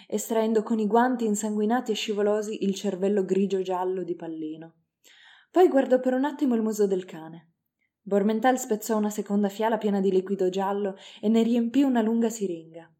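A woman narrating an audiobook in a measured, dramatic reading. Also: medium pitch, dark tone.

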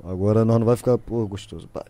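A man's voice: lowish voice, fairly even intonation, fast talker, crowd noise. A man with a Rio de Janeiro accent chatting casually on a podcast, full of Rio street slang. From Rio de Janeiro, Brazil. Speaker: music artist, guest.

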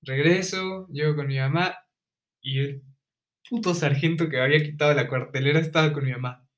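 Animated young Mexican man telling stories. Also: on the high side, normal speed. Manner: animated, acts out quoted voices, slangy and profane. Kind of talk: casual storytelling chat.

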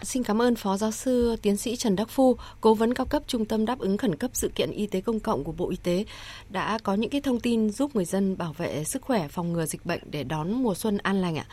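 A woman's voice: medium pitch, fairly quick, warm tone. A woman hosts a radio health interview in a polite, formal way. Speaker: radio health programme host.

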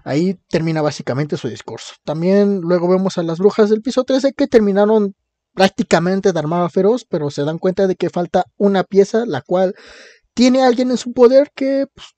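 Mexican guy chatting about comics, highish voice, kinda dark tone, dry sound. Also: lively intonation, moderate pace, no echo. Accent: Mexican Spanish. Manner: slangy, laughing plot retelling. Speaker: podcast host recapping a comic. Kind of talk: casual chat.

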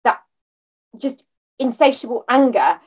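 A woman's voice: high-pitched, lively intonation, unhurried. Woman host, a bit distant from the mic. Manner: thoughtful, asks long reflective questions. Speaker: podcast host. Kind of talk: conversational interview.

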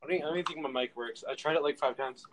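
A co-host talks very fast in a mid-range voice, teasing in a deadpan way during a casual chat, with a faint hiss behind. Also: medium pitch.

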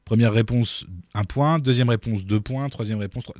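A man's voice: mid-range voice, normal speed, darkish tone, no room sound, clean studio sound. A man hosting a casual radio quiz show, joking and teasing his guests. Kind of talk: casual radio chat with games.

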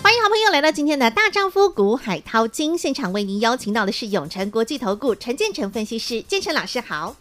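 A woman's voice: a little high, sing-song, fast talker, hardly any pauses, a bit bright, soft background music. A woman with a Taiwanese Mandarin accent co-hosting a market show in an upbeat, chatty style, often chiming in to agree. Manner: frequent agreeing interjections and echoing. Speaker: co-host.

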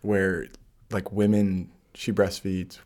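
A man's voice: low-pitched, little pitch movement, takes it slowly, darkish tone. A young man hosting a casual podcast chat, joking and teasing his guest and laughing often. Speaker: podcast host.

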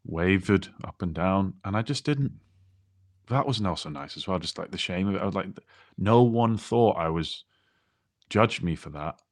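A man's voice: low voice, expressive, moderate pace, no echo, clean studio sound. A man co-hosting a podcast, talking through his own experience in a reflective, casual way with frequent restarts. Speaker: podcast co-host.

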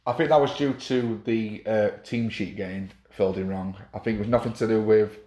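A man's voice: on the low side, steady tone, a little fast, mellow, echoey room. A man, chatting casually as a club official, rambling with many fillers and restarts. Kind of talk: casual chat.

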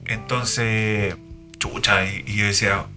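A man's voice: lowish voice, little pitch movement, slow, sharp tone, soft background music. A young man with a Chilean accent, a guest in a casual chat, telling a story in slangy talk full of fillers and repeated tags. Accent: Chilean Spanish. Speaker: guest, driver.

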